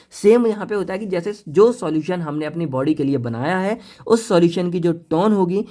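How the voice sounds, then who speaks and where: This pharmacy lecturer's voice sits on the high side and sounds a little mellow. In a relaxed class session, he chats with students directly and playfully, mixing English terminology into his Hindi.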